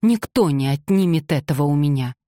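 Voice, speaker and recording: A woman's voice: low voice, animated, a little fast, mellow, dry recording, studio quality. A woman reading the lines of a proud, indignant young woman in an audiobook. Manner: indignant, insistent. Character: proud young woman, secret gossip writer.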